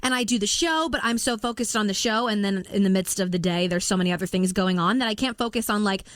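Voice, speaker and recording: A woman's voice: mid-range voice, fast talker, fairly bright tone, dry recording. Bubbly teasing woman, dry studio. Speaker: podcast co-host. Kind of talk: casual chat. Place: radio studio. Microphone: studio microphone.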